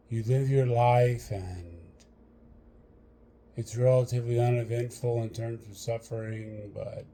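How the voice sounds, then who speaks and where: Relaxed and unhurried, a man in a middle male register guides the listener through meditation. He addresses them directly, placing each brief, deliberate phrase after a lengthy silence.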